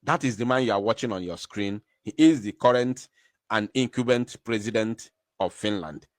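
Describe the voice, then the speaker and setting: A man hosting a live-streamed news commentary, emphatic and excitable. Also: normal speed, no room sound. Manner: emphatic, excitable, animated swings in pitch and loudness. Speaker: online news show host.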